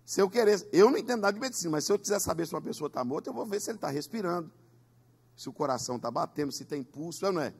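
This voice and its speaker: A man's voice: a little high, animated, rapid-fire, gravelly, breathy edge. A man preaching a Pentecostal sermon in a church, emphatic, with call-and-response. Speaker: pastor.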